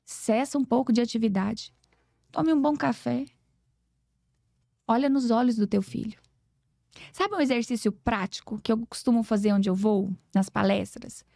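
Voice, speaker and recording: A woman's voice: fairly high pitch, moderate pace, creaky, pauses often, warm tone, no room sound, clean studio sound. A Brazilian woman in her forties, an educator and podcast guest, telling stories earnestly and acting out conversations. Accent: Brazilian Portuguese. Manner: earnest, preachy, acts out dialogues. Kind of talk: emotional storytelling interview.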